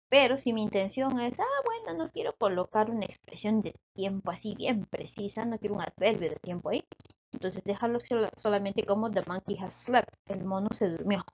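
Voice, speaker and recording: A woman's voice: medium pitch, darkish tone, highs cut off, a little hiss or hum. A woman teaching an English grammar lesson in Spanish, explaining patiently and checking often that her students follow.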